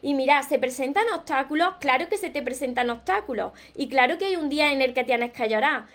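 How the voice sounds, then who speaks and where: A woman with a Peninsular Spanish accent hosting a live stream, answering viewers with earnest encouragement and often clearing her throat. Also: high-pitched, expressive, brisk, fairly bright tone. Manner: earnest, encouraging, reads viewer comments aloud. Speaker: livestream host, self-help speaker. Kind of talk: live Q&A, motivational talk.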